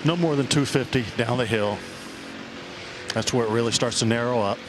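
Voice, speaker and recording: A male on-course golf commentator describes shots in clipped, colloquial language. His voice is medium in pitch, set against heavy outdoor noise. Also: normal speed. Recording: very noisy outdoor course microphone.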